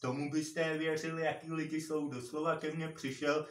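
A man's voice: on the high side, little pitch movement. Guy telling a long story, repeats himself a lot, sounds far off in a roomy space. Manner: rambling, repeats himself, many filler words. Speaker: vlogger. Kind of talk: casual storytelling. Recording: roomy and distant from mic.

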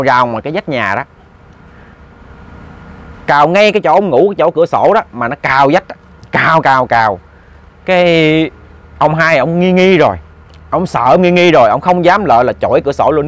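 A man telling a ghost story in a chatty way, speaking directly to his listeners. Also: on the high side. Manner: chatty, addresses listeners directly, repeats words. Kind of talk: casual spoken storytelling.

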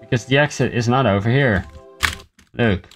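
A man giving casual gameplay commentary at home on a desk mic, mumbling and unhurried, with lots of ums and little laughs. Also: mid-range voice. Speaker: gameplay video host. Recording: faint game music behind.

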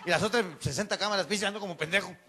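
A man's voice: high-pitched, rapid-fire, slight background noise. A man with a Mexican accent telling crude jokes on stage, laughing at his own lines and slipping into drunk voices. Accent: Mexican Spanish. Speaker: stand-up comedian. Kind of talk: stand-up joke telling.

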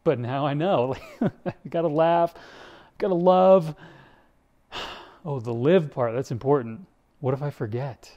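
A young man who is an English teacher and vlogger gives a loose, joking tour of a large home's kitchen, filmed selfie-style on a handheld camera, with "dude" coming up often. His warm, somewhat high voice is unhurried with frequent pauses, and the recording is muffled with slight background noise.

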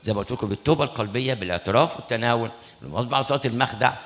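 An Egyptian priest preaching at a very fast clip, with his words tumbling out quickly. His voice sits at an ordinary middle pitch, and he slips into stories, voicing each person in them. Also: fairly bright tone. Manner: retells conversations, acting out both sides. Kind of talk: sermon with storytelling. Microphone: studio broadcast mic.

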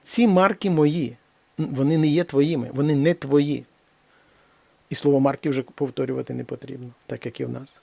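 Gravelly man teaching a slow lesson. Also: mid-range voice, flat delivery, dark tone, no room sound. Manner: slow, deliberate reading of examples, then explains. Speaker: Spanish teacher. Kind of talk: language lesson.

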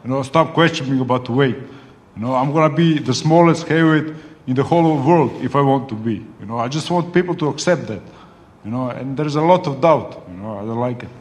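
A man's voice: medium pitch, a little fast. A man speaking as a boxer at a heated press conference, combative and swearing, often calling his rival "brother". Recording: echoey hall.

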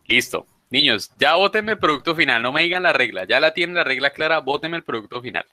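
A man's voice: fairly high pitch, expressive, quick pace, sharp tone, no echo. A male teacher leading an online English class, patiently explaining rules step by step.

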